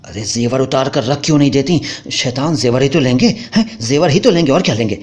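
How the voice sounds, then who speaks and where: A man's voice: medium pitch, lively intonation, a little fast, natural voice. Man doing a stammering frightened husband. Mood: pleading. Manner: stammering, hushed, panicky. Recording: dull lo-fi recording.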